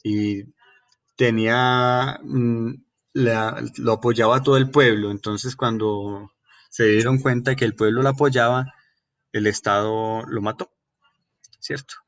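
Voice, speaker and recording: A man's voice: mid-range voice, steady tone, slow, no room sound. A man with a Colombian accent teaching a class, explaining step by step with many fillers and restarts and checking with his students as he goes. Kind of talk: recorded class lecture.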